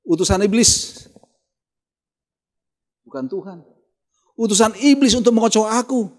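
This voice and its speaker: A man's voice: sits high, measured pace. A man with an Indonesian accent preaching a morning devotional sermon in church. He reads scripture and then quizzes the congregation with questions he answers himself. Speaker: pastor.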